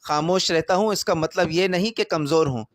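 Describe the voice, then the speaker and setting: A quiet younger son speaks with stern bitterness, as a male narrator plays him. The delivery is firm, and the sound is dry and close. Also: on the high side, no room sound, natural voice.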